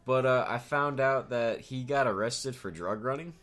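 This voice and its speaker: Male podcast co-host, medium pitch, tipsy and rambling, casual conversational delivery. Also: normal speed, a bit bright. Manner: drunk, loose rambling talk. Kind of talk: casual chat.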